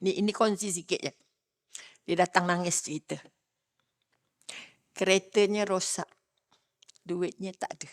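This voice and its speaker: A middle-aged woman with a Malaysian Malay accent, giving a religious talk to a congregation, asking the listeners questions and swinging between loud emphasis and hushed storytelling. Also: lowish voice, fairly even intonation, measured pace, pauses often, no echo, clean studio sound. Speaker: religious teacher.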